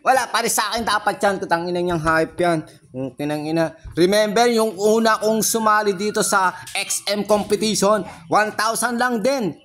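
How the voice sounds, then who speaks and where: A man's voice: sits high, a bit bright. A young man with a Filipino accent, talking through his trading results in a casual vlog, frustrated, swearing often and repeating himself. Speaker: trading vlogger. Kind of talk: casual screen-share commentary.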